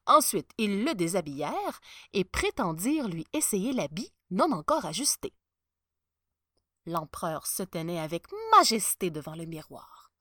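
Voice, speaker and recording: A woman reading a storybook aloud, slipping into hushed tones with dramatic pauses. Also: lowish voice, very animated, no room sound, clean studio sound.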